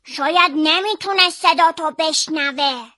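A woman's voice: high-pitched, sharp tone, no room sound, clean studio sound, voice pushed up. A woman voicing a helpful young boy in a children's story, giving eager advice. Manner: eager, advising.

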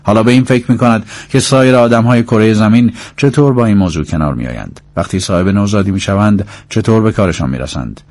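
A man narrating an audiobook in a measured, descriptive way. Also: lowish voice, darkish tone, dry recording.

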